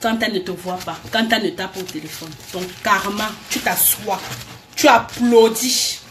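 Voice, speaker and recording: A woman's voice: mid-range voice, moderate pace, background noise. A woman, ranting heatedly at people she addresses directly, accusing them and repeating herself. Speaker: vlogger. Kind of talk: angry direct-address rant.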